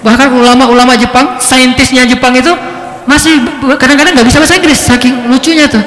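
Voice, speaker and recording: A man giving a religious lecture, telling stories with lively shifts in pitch. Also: quick pace. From Indonesia. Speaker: preacher. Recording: echoey hall.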